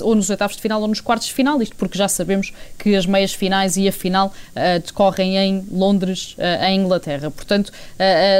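Clear-voiced Portuguese woman reporting live. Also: medium pitch. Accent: European Portuguese. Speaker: sports correspondent. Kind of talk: live news report, unscripted.

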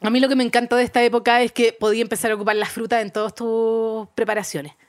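A woman with a Chilean accent, co-hosting a casual chat, playful and quick to laugh. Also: on the high side, little pitch movement. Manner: chatty, laughs easily, playful. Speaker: co-host.

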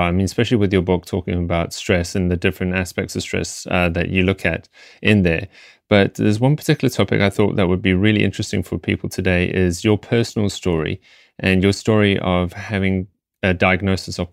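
This is a man hosting a podcast, introducing his guest and then asking questions in a friendly, conversational way. His voice is low and gravelly. It is recorded dry and close. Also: dry recording. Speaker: podcast host. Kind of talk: podcast interview.

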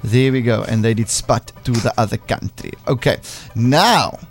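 A man's voice: mid-range voice, moderate pace. A man with a broad South African accent, hosting a casual breakfast radio quiz in a playful, teasing way. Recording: music bed behind the voice. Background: music.

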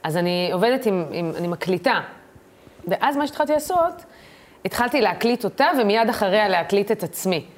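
A woman guest in a casual interview, an impressionist who tells animated stories and acts out the voices in them. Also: mid-range voice.

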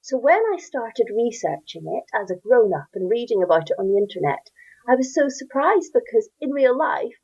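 A woman from Northern Ireland, a children's author, answers an interviewer with a warm, lilting storyteller's enthusiasm and frequent laughs. Her fairly high voice is expressive and slightly breathy, moving at a moderate pace, while the recording loses its high frequencies.

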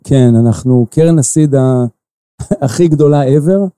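Israeli man, forties, interview guest, halting speech, dry close recording. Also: medium pitch, dark tone, smooth, dry recording. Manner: halting, many filler pauses. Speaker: investor guest. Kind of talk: interview answers.

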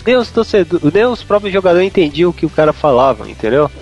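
Slangy Brazilian man, higher-pitched, lo-fi. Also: sing-song, fast talker, darkish tone. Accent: Brazilian Portuguese. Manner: slangy, informal. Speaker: sports talk co-host. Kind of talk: casual chat about American football. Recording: dull, lo-fi audio over music. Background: music.

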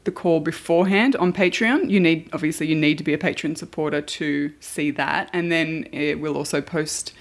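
A woman's voice: sits low, normal speed, few pauses. An Australian woman hosting a podcast in a casual, chatty style. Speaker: podcast host.

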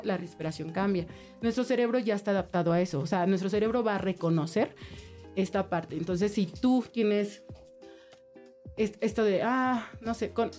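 A woman's voice: medium pitch, dark tone. A young woman co-hosting a casual talk podcast, telling a personal story with laughter and candor. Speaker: podcast co-host. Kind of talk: casual chat.

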